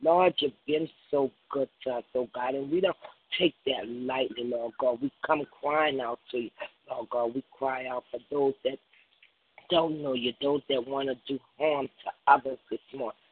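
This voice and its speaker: A man's voice: medium pitch, steady tone, moderate pace, a little hiss or hum. A man leading a fervent spoken prayer on a prayer line, repeating "Lord God" and "oh God" as he builds. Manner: chanting repetitions of "Lord God" and "oh God", building in intensity. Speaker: prayer leader. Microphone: phone. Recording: tinny phone line.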